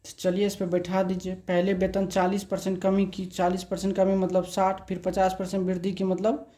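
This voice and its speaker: A man's voice: high-pitched, monotone, warm tone. A man teaching an exam-prep maths lesson, repeating each word as he writes it out and asking the class short check questions. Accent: Hindi. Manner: slow, repeats words while writing on a board; asks students rhetorical check questions.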